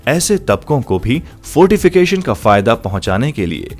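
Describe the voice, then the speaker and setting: A man narrates a documentary in a formal, measured way, with his pitch rising and falling in a lively arc. Soft guitar music plays faintly beneath his voice. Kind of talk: scripted narration.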